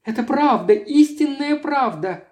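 A gentle, earnest young woman answering her accusers, as a male audiobook narrator puts her on. The voice sits well above his own and stays plain and pleading. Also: extremely high pitch, animated, a little slow, pitched above the performer's own voice.

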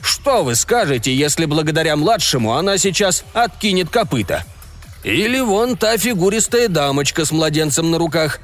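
A self-important alderman, put on by a man reading a storybook aloud drawls out his threats slowly. The voice sits on the high side and swings widely in pitch. Faint music plays beneath the reading. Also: big pitch swings, a bit bright. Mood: gloating. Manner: slow, menacing, self-important. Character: pompous vengeful middle-aged male alderman. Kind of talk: audiobook character voice.

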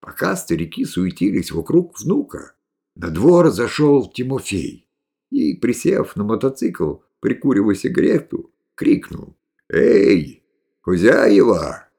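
A man reading a rustic story aloud in an expressive way, voicing each character himself. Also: on the low side, unhurried, creaky. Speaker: narrator.

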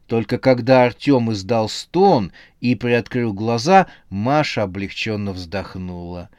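A man narrating a comic horror novel as an audiobook with expressive, lively storytelling. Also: lowish voice, measured pace, no room sound, clean studio sound.

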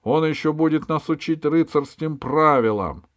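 A man voicing an irritable, suspicious male court chamberlain who scolds loudly. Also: medium pitch, takes it slowly, gravelly, no echo, clean studio sound, voice pushed up. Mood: angry.

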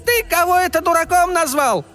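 A man voicing a tiny, quick-tempered male fairy in a piercing falsetto, boastful and irritable. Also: expressive, pushed and bright, faint music behind, exaggerated voice. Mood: indignant. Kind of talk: audiobook character voice.

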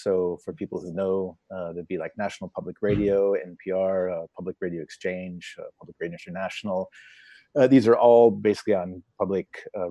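A man who works as a radio producer and journalist, talking on a panel over a video call and often pausing to search for his words. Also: low voice, no echo. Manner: relaxed, searching for words with frequent ums. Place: Moscow.

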